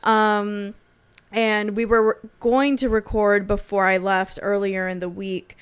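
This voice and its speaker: Hesitant, tired young woman with a smooth voice. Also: mid-range voice, unhurried. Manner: relaxed, hesitant, lots of "um". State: tired after a late night. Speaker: podcast co-host. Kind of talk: casual chat.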